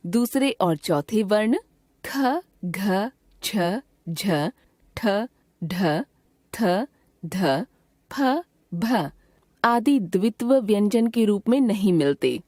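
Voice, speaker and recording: A woman reading a grammar lesson aloud, sounding out each letter slowly and deliberately. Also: medium pitch, expressive, dark tone, dry recording, clean studio sound. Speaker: grammar teacher. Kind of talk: scripted textbook narration.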